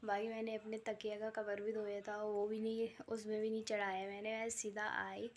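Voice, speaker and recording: A woman's voice: medium pitch, completely flat delivery, normal speed, slight background noise. A young woman chatting casually in a rambling daily vlog, her throat a bit sore, talking into a handheld phone on a rooftop. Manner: chatty, rambling, full of fillers. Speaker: vlogger. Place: home rooftop, outdoors. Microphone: phone held in hand.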